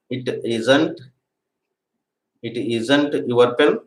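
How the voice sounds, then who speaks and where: A man teaching a spoken English grammar lesson, patiently repeating example sentences slowly for learners to drill. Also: mid-range voice. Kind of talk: classroom-style grammar lesson. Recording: echoey room.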